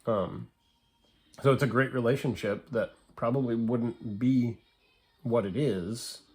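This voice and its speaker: A man with a middle-pitched voice talks at home in a calm, thoughtful way. He co-hosts a family channel and often backs up his partner with quiet "mm-hmm"s. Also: slow. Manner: thoughtful, affirming with frequent "mm-hmm". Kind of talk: casual chat.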